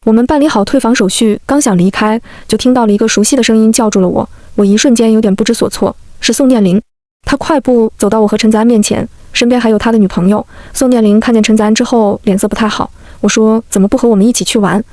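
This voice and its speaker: A woman reads a first-person story aloud at a brisk, steady clip. Her voice sits slightly high. The sound is close and dry, with no room around it. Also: no echo. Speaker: story narrator.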